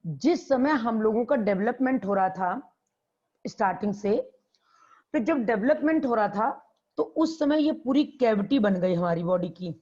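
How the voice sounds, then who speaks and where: A woman's voice: on the high side, animated, unhurried, warm tone. Woman biology teacher with a dull lo-fi sound. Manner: repeats key terms and quizzes students. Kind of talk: classroom lecture. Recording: dull lo-fi classroom recording.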